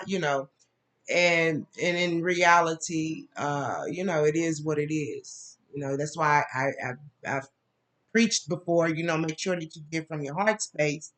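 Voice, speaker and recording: A woman giving a casual tarot reading, talking in a rambling, loose way with plenty of fillers. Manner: bursts into laughing, high-pitched mimicry. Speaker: tarot reader.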